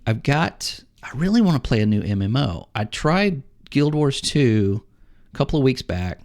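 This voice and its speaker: A middle-aged man co-hosting a casual podcast about video games. He tells long, rambling stories and jumps into lively acted-out quotes of other players. His voice sits at an ordinary middle pitch. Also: normal speed. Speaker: podcast co-host.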